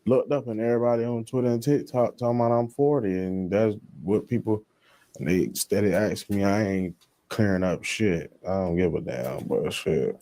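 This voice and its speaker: A man's voice: on the low side, normal speed, warm tone, no echo. A man in his twenties, a guest on a casual streamed chat, talking in a blunt, dismissive, profane way. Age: 20s.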